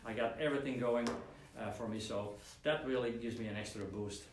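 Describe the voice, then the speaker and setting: This weekly model-kit live stream host speaks fairly quickly in a mid-range voice with fairly even intonation, wandering through his talk with frequent fillers and restarts. The room echoes, he's distant from the microphone, and a faint hum sits underneath.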